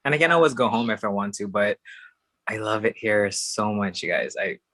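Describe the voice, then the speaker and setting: Chatty young man from Hawaii, bright tone. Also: fairly low pitch, lively intonation, moderate pace, dry recording. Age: young adult. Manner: chatty, warm, laughs often between phrases. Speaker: guest, drag performer. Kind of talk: casual chat.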